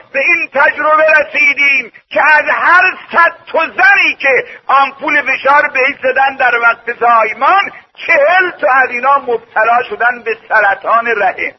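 A high-pitched, husky man delivers a sermon on a dull, lo-fi recording. He preaches with passion, climbing to loud declamations and sinking to soft, murmured storytelling. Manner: impassioned, swings from shouting to hushed storytelling. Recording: dull lo-fi old tape.

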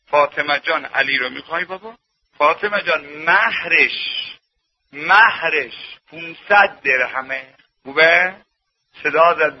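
A man preaching a sermon in an impassioned way, rising to shouts and dropping to hushed storytelling. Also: fairly high pitch, gravelly, slight background noise. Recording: dull lo-fi old tape.

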